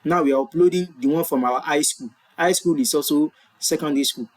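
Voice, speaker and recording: Here a Yoruba-speaking Nigerian man guides viewers through an online form on a screen-share tutorial, explaining with patience and self-correction. His voice sits on the high side and sounds brisk, and the webcam recording is rough.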